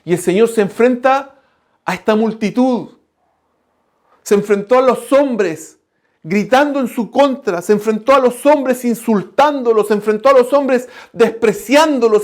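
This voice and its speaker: A male preacher, delivering an impassioned sermon that swings from loud cries to hushed lines and calls the listeners brothers. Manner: impassioned, shifting between loud outbursts and low hushed lines; addresses the congregation as brothers.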